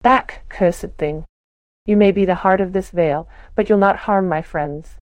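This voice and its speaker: A woman voicing an earnest, protective young elf druid woman in a soft, measured way. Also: on the low side, dry recording, close to an everyday voice. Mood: urgent.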